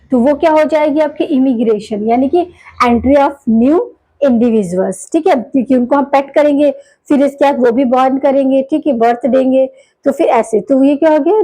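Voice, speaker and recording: High-voiced woman teaching biology. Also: dark tone, poor audio. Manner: asks questions and answers them herself, keeps saying "theek hai"; mixes English terms into Hindi speech. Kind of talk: classroom lecture.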